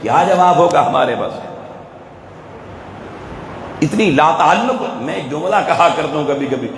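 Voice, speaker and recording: The recording, made in an echoey event hall with faint ambience and a noisy background, captures a religious speaker with a Pakistani Urdu accent. His fairly high, animated voice drives a sermon that presses the live audience with rhetorical questions.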